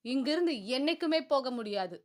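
A woman's voice: high voice, expressive, fairly quick. Woman doing a curt, menacing kidnapper. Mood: threatening. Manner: curt, threatening. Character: menacing male kidnapper giving threats.

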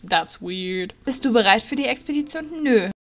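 A woman's voice: a little high, lively intonation, normal speed, a little hiss or hum. Giggly woman chatting over a game. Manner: giggly, chatty, drops English phrases. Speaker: YouTuber playing a horse-riding game. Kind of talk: casual let's-play commentary.

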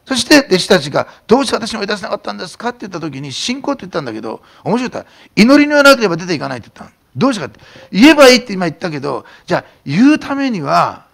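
A middle-aged man preaching a sermon as pastor, swinging from hushed whispers to loud emphatic declarations. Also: high-pitched, racing, creaky, hardly any pauses. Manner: animated preaching, drops to a hushed whisper for emphasis, then shouts.

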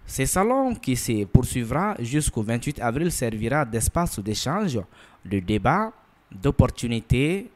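Formal male news narrator with lively intonation. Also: mid-range voice. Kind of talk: scripted news voice-over.

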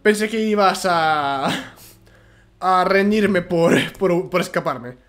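A man's voice: high-pitched, takes it slowly, fairly bright tone, soft background music. A man voicing a timid, defensive young male alien from a video game. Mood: hesitant.

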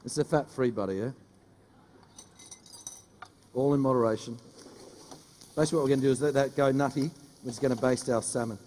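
Chef, middle-aged, brisk and cheeky, headset mic on a live stage with faint noise. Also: male voice, mid-range voice, darkish tone, long reverb tail. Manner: brisk, joking, teases the audience. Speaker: chef doing a cooking demo. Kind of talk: live cooking demonstration. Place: studio kitchen stage with a live audience.

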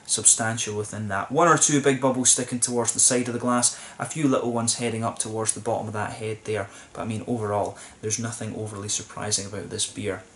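A young man reviews a beer to camera from a table in a small, plain room, speaking fast with few pauses. His voice sits lowish, steady and fairly bright, and slight background noise is audible; his musings are rambling and dotted with ums and restarts.

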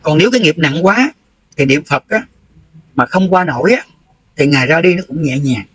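A man's voice: on the high side, lively intonation, moderate pace, fairly bright tone, breathy edge, low-quality recording. A middle-aged man with a Southern Vietnamese accent, delivering a heated, confrontational livestream rant and scolding someone bluntly. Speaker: livestream host.

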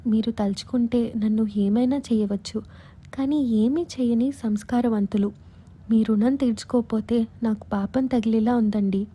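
A shy young woman confides in a soft, bashful whisper, as a woman narrator voices her in a whispered role-play. The voice is husky and mellow, pitched a little high, and close and hushed throughout. It plays like a spoken audio story. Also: steady tone, moderate pace.

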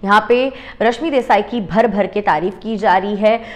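A young woman hosts an entertainment news bulletin in a chatty, conversational way. She keeps dropping English phrases into her talk. Her pitch sits right in the middle for a woman. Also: moderate pace. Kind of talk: scripted entertainment news narration.

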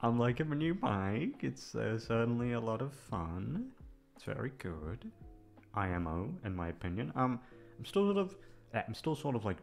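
An audio roleplay voice actor gives a casual, rambling outro, chatting to his listeners in a hesitant, meandering way. His voice is fairly low and gravelly, captured on a close studio mic with music in the background.

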